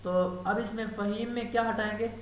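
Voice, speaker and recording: A man's voice: high voice, steady tone, crowd noise. A man leading an online teacher training lesson, explaining step by step and quizzing his trainee as he goes. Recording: echoey room, faint hiss.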